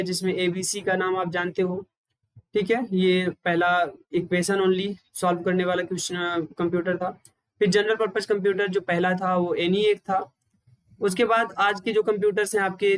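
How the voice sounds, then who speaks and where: Guy teaching exam prep class, lots of pauses n restarts, dry close sound. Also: sits high, no room sound, poor audio. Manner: explanatory, repeats key points, many pauses and restarts. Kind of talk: exam-prep computer lecture.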